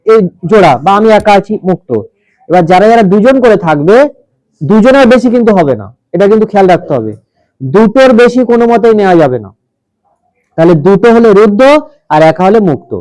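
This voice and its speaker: High-voiced man teaching a class. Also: darkish tone, no room sound, rough recording. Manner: explains step by step, asks the class questions. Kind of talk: classroom grammar lesson.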